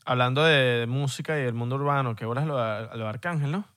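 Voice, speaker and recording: A young man with a Venezuelan accent, his voice mid-pitched and heard dry and close with no room sound. He co-hosts a podcast in loose, rambling chat, circling back and restarting his sentences. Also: fast talker, fairly bright tone, no echo. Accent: Venezuelan Spanish. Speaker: podcast co-host. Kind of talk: casual chat.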